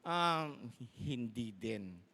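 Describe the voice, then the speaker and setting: A man's voice: mid-range voice, animated, drawn-out words, vocal fry, pushed and bright. A man preaching a live sermon as pastor, emphatic and storytelling, mixing Tagalog and English. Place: large church hall. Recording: live church sound with long reverb.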